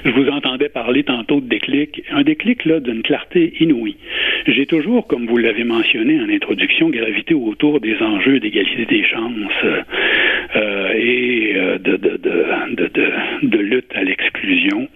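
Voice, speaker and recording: A man in his sixties with a Quebec French accent, giving earnest, deliberate interview answers and pausing to search for his words. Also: medium pitch, husky. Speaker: interview guest, retired public servant and volunteer. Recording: muffled phone-like radio line with echo.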